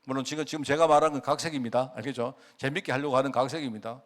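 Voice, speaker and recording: A middle-aged pastor, preaching a sermon and often asking the congregation questions. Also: male voice, mid-range voice, racing. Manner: animated, asks the congregation questions; acts out God's words in quoted speech.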